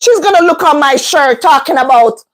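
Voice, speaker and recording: A woman's voice: sits high, expressive, normal speed, low-quality recording. A woman, a vlogger and mother, telling a story casually in an indignant, emphatic way.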